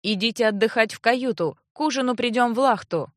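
A woman voicing a stern, gruff bearded man in an audiobook who barks curt orders. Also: a little high, brisk, no room sound, studio quality, lightly acted.

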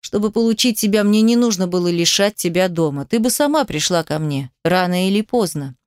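A woman voicing a cold, domineering rich young man in an audiobook, lowering her voice to a taunting, mocking drawl. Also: animated, fairly quick, a little mellow, clear, resonant tone, no echo, clean studio sound, close to an everyday voice.

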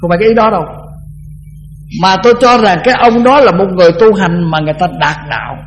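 Older monk giving a chatty dharma talk. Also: male voice, sits high, expressive, slight background noise, poor audio. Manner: conversational, repetitive, chanting verses slowly. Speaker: Buddhist monk teacher.

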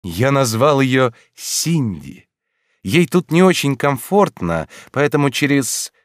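A man's voice: medium pitch, sing-song, takes it slowly, no room sound, studio quality, pitched above the performer's own voice. Man putting on a blissful, drawling art teacher. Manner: drawls each word blissfully. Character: dreamy eccentric middle-aged male art teacher.

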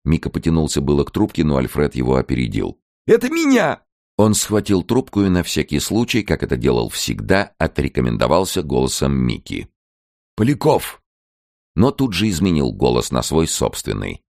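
Male audiobook narrator, expressive telling, dry close sound. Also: rumbling low, fairly quick, gravelly, few pauses, dry recording. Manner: expressive storytelling.

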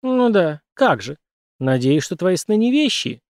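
A man voicing a young woman doctor shaken by nightmares, his pitch raised and tense. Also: sing-song, unhurried, darkish tone, dry recording, clean studio sound, heavily acted. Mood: weary.

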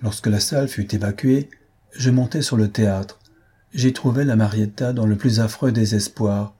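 Male narrator for a literary audiobook, low-pitched and husky, measured. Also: fairly even intonation, dark tone. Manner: measured, phrase by phrase.

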